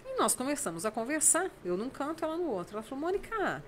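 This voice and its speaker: A woman's voice: high voice, very animated, quick pace, a little hiss or hum. A woman, a writer and radio chronicler, telling stories in a casual interview and acting out the dialogue in them. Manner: warm storytelling, acts out dialogue.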